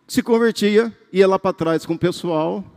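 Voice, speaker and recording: A male pastor gives a sermon in a fairly high voice, telling a personal story and repeating words for emphasis. He keeps asking the congregation for amém. His voice rings with a long hall reverb. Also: unhurried, vocal fry, a little mellow.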